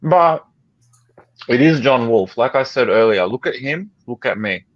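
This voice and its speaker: A man's voice: medium pitch, expressive, measured pace, no echo. Joking man chatting on a live call. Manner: joking, laughs often, talks while eating. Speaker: YouTuber on a live chat. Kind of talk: casual live-stream chat. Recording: slightly dull call audio, faint noise.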